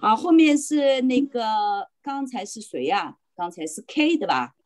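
A woman's voice: fairly high pitch, very animated, unhurried. A woman teaching a beginner language class over a video call, patiently correcting pronunciation and checking that students follow. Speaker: volunteer Spanish teacher.

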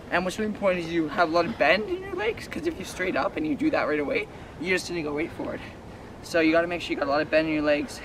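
Young man teaching skiing on a noisy trail. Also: a little high. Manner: casual, explains step by step with fillers. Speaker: ski instructor. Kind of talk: outdoor instructional talk. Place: snowy outdoor ski trail. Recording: distant outdoor mic with noise.

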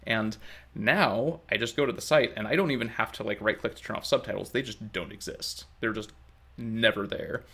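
On the low side, creaky yet fairly bright: that's the voice of this language-learning vlogger, a man in his thirties. Indoors in his home's open kitchen and dining space, he improvises a casual update to camera, drifting a little and hesitating as he thinks.

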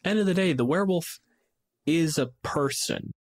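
Speaking at normal speed in a slightly high voice, a man co-hosts a relaxed tabletop gaming podcast where he also acts as game master. He thinks out loud and plays out brief examples.

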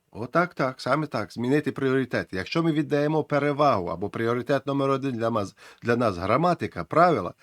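A man's voice: mid-range voice, dry recording. Earnest teacher man, dry sound. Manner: earnest, encouraging, repeats key phrases. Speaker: English teacher. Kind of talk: lesson.

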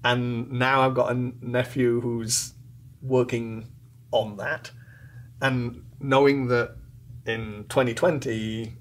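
A middle-aged British man from England, answering interview questions in a thoughtful, measured way with fillers. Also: mid-range voice, level tone. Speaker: interview guest, loudspeaker designer. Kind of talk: relaxed conversational interview.

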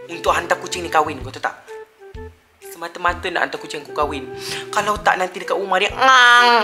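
Chatty young Malaysian man, bright high voice. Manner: chatty, talks straight to viewers, keeps repeating filler phrases. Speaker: vlogger. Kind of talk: casual storytelling to camera.

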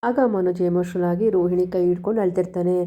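A woman's voice: fairly low pitch, steady tone, fast talker, dark tone. A woman with a Kannada accent retelling a TV serial episode, reading the characters' lines plainly. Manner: plain storytelling, reads characters' lines without acting them. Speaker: serial recap narrator.

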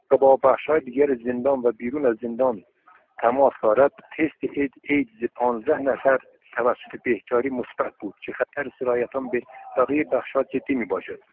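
A man in prison leaving a recorded voice message by phone, reading a formal prepared statement in a steady, list-like way. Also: medium pitch. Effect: voice message recorded over a phone line. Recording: tinny phone line.

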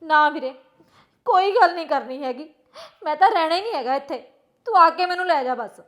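An actress playing a tearful young wife who feels wronged by her household, speaking with a shrill, aggrieved voice. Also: animated, brisk. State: crying. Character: tearful young wife threatening to leave home. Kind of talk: film drama dialogue.

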